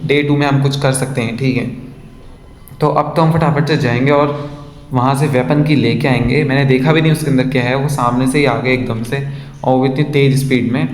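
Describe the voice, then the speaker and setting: Chatty man narrating his gameplay, echoey room. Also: medium pitch. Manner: chatty, addresses viewers as guys. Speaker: gaming vlogger. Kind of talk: casual game commentary. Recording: echoey room, faint ambient noise.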